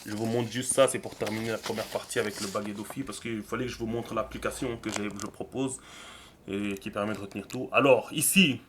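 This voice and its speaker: A man explaining a writing system in a relaxed screen tutorial, thinking aloud with many fillers. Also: on the low side, fairly quick, noisy background. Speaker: teacher.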